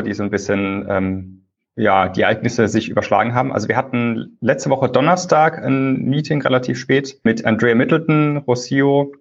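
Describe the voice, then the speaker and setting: Guy on a crappy lo-fi phone call, kinda husky, just chatting through it with lots of ums. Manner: explains at length with fillers, loose and conversational. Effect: low-quality phone call recording. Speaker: conference lead organizer, interview guest. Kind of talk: casual phone interview. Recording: dull lo-fi phone call audio.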